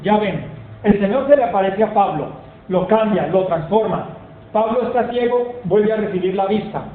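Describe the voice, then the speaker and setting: A man's voice: sits high, expressive, normal speed. A man preaching a sermon, telling stories with emphasis and reading scripture aloud. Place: church hall. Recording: tinny phone-like sound, echoey hall, faint noise.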